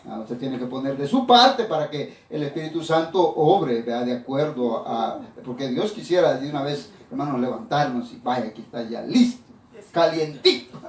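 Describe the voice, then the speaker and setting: A man's voice: medium pitch, lively intonation, moderate pace, hardly any pauses, darkish tone. A man pastor preaching a sermon, often addressing the congregation as brothers and restarting phrases. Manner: preaching with repeated "hermanos", frequent restarts. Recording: echoey room, voice from far off the mic.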